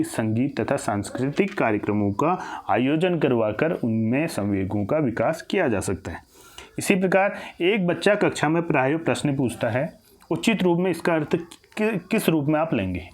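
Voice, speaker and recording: A man teaching a recorded exam-prep lesson. He asks questions and answers them himself, often restarting and repeating phrases. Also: on the high side.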